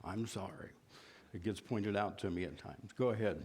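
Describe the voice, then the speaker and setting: A man's voice: on the low side, brisk, a little mellow, breathy edge. A man from West Virginia teaching a church Bible class in a folksy, self-deprecating way, asking the class questions.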